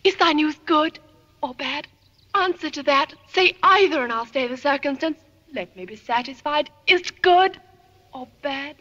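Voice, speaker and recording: A woman's voice: high voice, lively intonation, measured pace, sharp tone, exaggerated voice. An actress playing an eager, impatient young girl in love, breathless and pleading in an old film. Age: young adult. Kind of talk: 1950s film acting. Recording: dull old film soundtrack with music.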